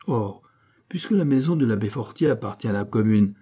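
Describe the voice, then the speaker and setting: A man's voice: on the low side, animated, brisk, warm tone, breathy edge. A man voicing a boastful young villager who lectures his neighbours in an emphatic, pompous way. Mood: lecturing. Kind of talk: audiobook character voice.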